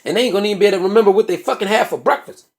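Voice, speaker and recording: A man's voice: high voice, very fast, creaky. A man voicing his smug know-it-all friend, lecturing in profane street slang. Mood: confiding.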